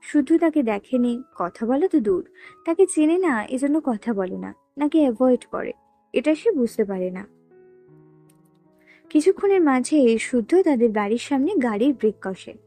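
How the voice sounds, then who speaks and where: A woman's voice: high voice, animated, normal speed, warm tone. A woman narrating a romance novel aloud and voicing the dialogue herself. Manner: reads all characters' dialogue with only slight voice changes. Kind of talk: storytelling reading of a romance novel. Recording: dry close voice with faint background music.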